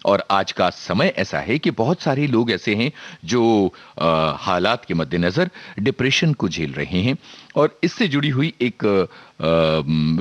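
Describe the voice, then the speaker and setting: A man presenting on radio, sharing information in a measured way with frequent filler pauses. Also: on the low side, no echo, muffled recording.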